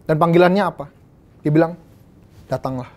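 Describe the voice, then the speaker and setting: A woman's voice: medium pitch, expressive, brisk, darkish tone. A young adult woman from Indonesia, preaching a youth sermon in a casual, slangy way with English phrases mixed in.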